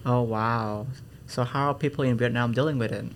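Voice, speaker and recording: A woman with a Cambodian accent asks short, encouraging questions. Her voice is extremely low. A faint rumble hangs behind it. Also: steady tone, moderate pace. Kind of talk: student discussion role-play.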